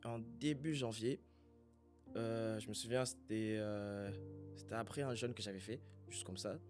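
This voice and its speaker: A man from Congo in a casual faith conversation, speaking in a reflective, halting way as he searches for his words. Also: fairly low pitch, steady tone, music in the background.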